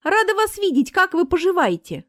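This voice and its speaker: A woman's voice: very high-pitched, sing-song, a little fast, sharp tone, no echo, clean studio sound, voice pushed up, exaggerated voice. A woman voicing a cheerful, naive young female assistant who speaks eagerly.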